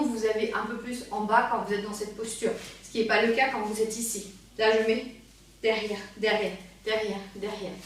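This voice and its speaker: A woman's voice: on the high side, a bit bright, a little hiss or hum. Woman counting beats in an echoey studio. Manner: counts beats and repeats cues rhythmically while dancing. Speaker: belly dance teacher. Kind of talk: dance tutorial with counting. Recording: echoey room, voice from a distance.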